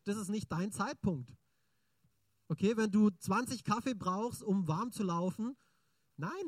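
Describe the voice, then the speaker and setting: A man preaching a sermon in a lively, chatty way, often asking the congregation questions. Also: sits high, no room sound.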